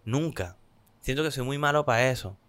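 A young man with a Venezuelan accent co-hosts a relaxed podcast chat. He tells stories in a lively way, slipping into quoted voices. His voice sits in a middle range and sounds dry and close. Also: moderate pace, no room sound. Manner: animated storytelling, acts out quotes in higher voices. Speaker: podcast co-host. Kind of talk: casual chat.

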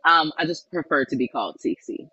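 A woman from New Orleans, a spiritual life coach, telling her life story in an earnest, reflective way with many pauses and ums. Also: deep voice, animated, pushed and bright, husky, no echo, highs cut off. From New Orleans, Louisiana. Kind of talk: personal storytelling in an interview.

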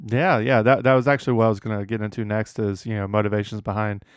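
Young male host, fast and smooth, low voice, dry sound. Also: level tone, dry recording. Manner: eager, with stumbles and "uh". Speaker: podcast host, intern. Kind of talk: casual interview.

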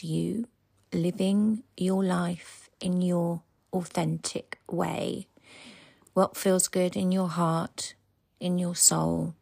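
A woman hosting a motivational coaching podcast from home, speaking earnestly and dropping into soft whispers for emphasis. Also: fairly low pitch, creaky, slightly rough, no room sound, studio quality. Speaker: podcast host and embodiment coach. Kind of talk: motivational solo podcast talk. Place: home, with her dog beside her.

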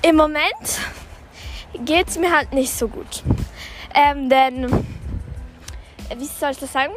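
Young female podcast host, high-pitched, speaking while out jogging; informal, halting, self-correcting delivery over background music. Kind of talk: casual spoken podcast monologue.

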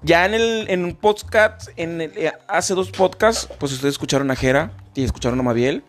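A man's voice: on the high side, moderate pace. Rambling podcast host, man. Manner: rambling, many fillers and restarts. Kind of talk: casual chat.

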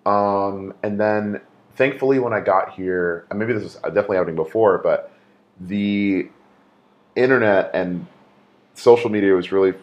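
A man's voice: deep voice, lo-fi sound. A man who is a photographer, a guest on a podcast, talking in a laid-back, joking way with many fillers. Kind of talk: casual conversation. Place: his home in Brooklyn.

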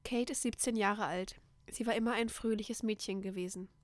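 A woman's voice: mid-range voice, steady tone, normal speed, dry recording, studio quality. A young woman co-hosting a podcast, chatting casually and reacting with joking, dramatic outbursts. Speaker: podcast co-host. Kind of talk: casual chat.

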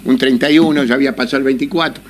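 Argentine man telling a lively story. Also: mid-range voice, racing, noisy background. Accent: Argentine Spanish. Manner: animated, laughing often, acting out voices in his stories. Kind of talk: casual anecdote telling.

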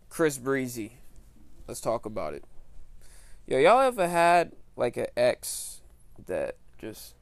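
Smooth higher-voiced young american guy, slangy podcast chat, really animated, dry close sound. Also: no room sound. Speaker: podcast host. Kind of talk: casual chat.

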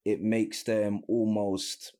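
A man's voice: lowish voice, flat delivery, takes it slowly, mellow. A man interviewing an athlete, asking long questions that circle and restart before landing.

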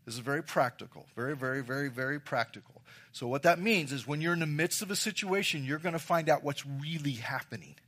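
Emphatic pastor with a higher voice. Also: male voice, fast, few pauses, a bit bright. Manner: emphatic, repeats key phrases; engages the congregation directly. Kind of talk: sermon.

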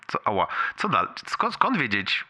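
A man's voice: medium pitch, huge pitch swings, takes it slowly, pushed and bright. A man leaving a long rambling voicemail for a friend, in pain and wincing between phrases, swearing and laughing it off.

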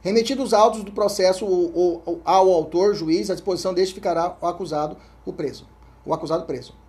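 The voice is steady, a little fast, and slightly mellow: a Brazilian Portuguese-accented man teaching exam-prep law. He reads statutes aloud and restates the main points, regularly checking on his listeners and often tapering off into a murmur.

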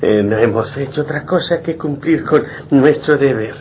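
An actor playing a kindly, jovial hospital doctor in a radio drama, reassuring and avuncular. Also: male voice, medium pitch, normal speed, close to an everyday voice. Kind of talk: old radio drama acting. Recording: dull, noisy old radio recording.

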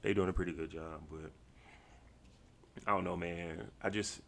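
A man's voice: low voice, steady tone, normal speed, creaky, a bit bright, slight background noise. A man co-hosting a podcast in casual chat, laid-back, slangy and swearing freely. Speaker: podcast co-host.

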